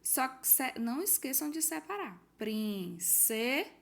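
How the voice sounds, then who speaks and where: This is a recorded homework session for pupils, led by a woman teacher from Brazil. Her slightly high voice has lively intonation, vocal fry and a moderate pace, and she patiently reads out the worksheet questions, explains, and drops hints.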